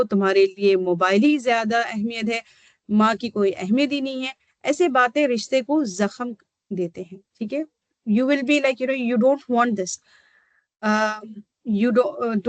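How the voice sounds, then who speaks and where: A woman's voice: a little high, no room sound. A woman counsellor, leading an online workshop and explaining things step by step. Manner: explains step by step, often asking "ठीक है?". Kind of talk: teaching workshop, mixing Hindi and English.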